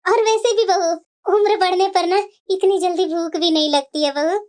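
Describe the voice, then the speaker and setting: A woman's voice: extremely high pitch, fairly even intonation, normal speed, a little mellow, pitched below the performer's own voice. A woman voicing a fussy, scheming elderly mother-in-law in a cartoon, scolding and coaxing and calling her daughter-in-law again and again. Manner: scolding, coaxing, repeats "bahu". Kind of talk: cartoon voice acting.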